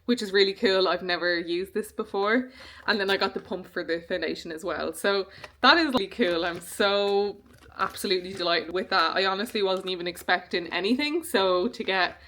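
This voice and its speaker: A woman's voice: mid-range voice, fairly bright tone. A young woman chatting casually to camera in a vlog, rambling along with frequent ums. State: hiccuping. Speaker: beauty vlogger.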